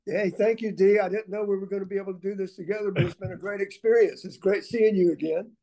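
A man's voice: high-pitched, fairly even intonation, fast talker, dark tone. A man in his seventies, a guest musician on an interview podcast, giving short, amused reactions. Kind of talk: casual interview chat.

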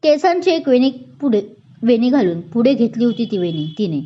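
A woman's voice: on the high side, normal speed. A woman storyteller narrating a dramatic story expressively, in a dull lo-fi recording. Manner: expressive, acts out the dialogue.

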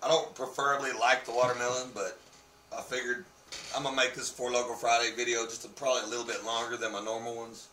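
Filmed indoors by a webcam on his desk, a man in his thirties records a casual, profane vlog in his living room, brash and swearing with animated gestures. His medium-pitched voice, worn from losing it, moves quickly; the sound is roomy and distant with slight background noise.

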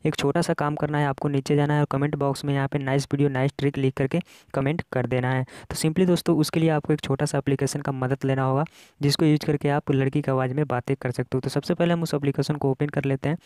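Brisk, even-toned Indian man, tutorial voice-over. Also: mid-range voice, no echo. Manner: repetitive, step-by-step explaining. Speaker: tech tutorial host. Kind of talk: casual app tutorial voice-over.

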